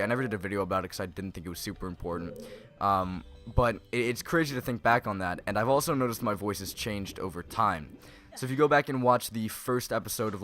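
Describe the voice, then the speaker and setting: With game music in the background, this teen host of a playthrough series keeps up loose, joking commentary. His pitch is fairly low and his tone a bit bright.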